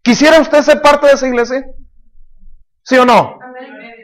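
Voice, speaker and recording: Pastor, very high voice, emphatic sermon delivery, asks the congregation questions. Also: male voice, fairly even intonation, moderate pace.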